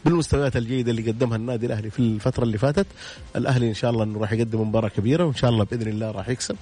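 A man's voice: mid-range voice, steady tone, racing, dark tone. A man talking as a football pundit on a radio sports show, insisting on his points and repeating them. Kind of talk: casual radio sports talk.

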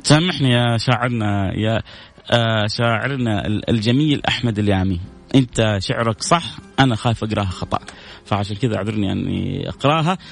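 A man's voice: lowish voice, creaky. A man hosting a live stream, reading viewer messages and answering with blessings, prayers and light jokes. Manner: warm, preachy, heaps blessings, jokes with viewers. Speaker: host reading viewer comments.

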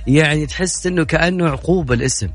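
A man's voice: a little high, faint music behind. A man hosting a casual radio talk show, chatty and playful. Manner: chatty, playful, fast-talking. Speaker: radio host.

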